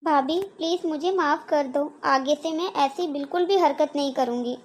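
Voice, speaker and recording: High-pitched sulky young wife, whiny, cartoon, performed by a woman. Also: normal speed, a little hiss or hum, natural voice. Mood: apologetic. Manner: whiny, complaining. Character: petulant young married woman, demanding and sulky. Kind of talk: cartoon voice acting.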